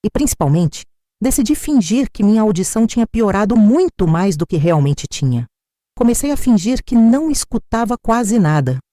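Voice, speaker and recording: An older woman with a Brazilian Portuguese accent narrating a first-person family story in a measured, bitter, reflective way. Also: medium pitch, sing-song, dark tone, no room sound, studio quality.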